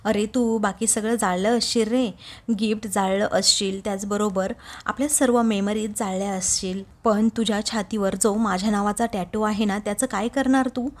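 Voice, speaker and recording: A woman's voice: medium pitch, fairly even intonation, normal speed, a little mellow, close to an everyday voice. A woman reading a furious young woman's lines. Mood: angry, defiant. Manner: angry, insistent quoted lines. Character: furious young woman confronting her secret lover. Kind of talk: retelling a TV serial scene.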